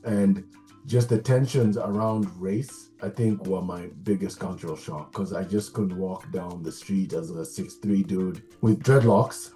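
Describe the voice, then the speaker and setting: Deep-voiced Kenyan man, thoughtful. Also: fairly even intonation, a little slow, dark tone, soft background music. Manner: thoughtful, with frequent ums and restarts. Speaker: guest. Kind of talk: conversational interview.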